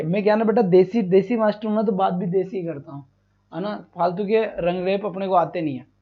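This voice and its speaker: A man's voice: sits high, highs cut off. A man teaching a live online exam-prep class. He keeps repeating his own questions and answering them, and chats with his students, scolding the latecomers. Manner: chatty, scolds students for being late.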